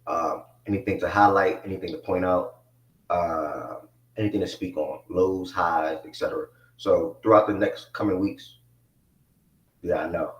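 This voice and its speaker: Hosting a live sports talk show, a twenty-something man rambles loosely and leans on plenty of fillers, relaxed throughout. He speaks low at a moderate pace. With the microphone disconnected, his voice is captured from afar and echoes around the room.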